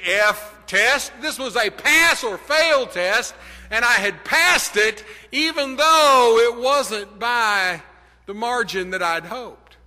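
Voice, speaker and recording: A man's voice: high voice, pushed and bright. A middle-aged man preaching a sermon, telling a personal story and building to emphatic declarations. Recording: long hall reverb.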